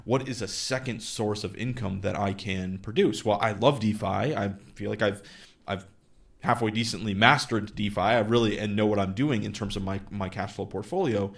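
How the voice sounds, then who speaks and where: The voice belongs to a man in his thirties, on the low side, with vocal fry and a normal speed. As host of an investing channel, he lays out his investing goals casually, using fillers as he thinks aloud and performing client conversations in quotes.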